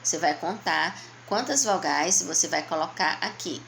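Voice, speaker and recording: Woman, Brazilian Portuguese accent, primary teacher, slow patient explaining, lowish voice, faint background hiss. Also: animated, vocal fry, fairly bright tone. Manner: patient, slow, explaining step by step to young children; answers her own questions in a child's voice. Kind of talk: remote lesson walking through a workbook.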